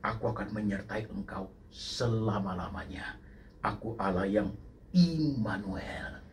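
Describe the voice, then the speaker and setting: A man voicing God speaking softly and slowly to believers, promising to stay with them. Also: lowish voice, a little hiss or hum, lightly acted. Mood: tender.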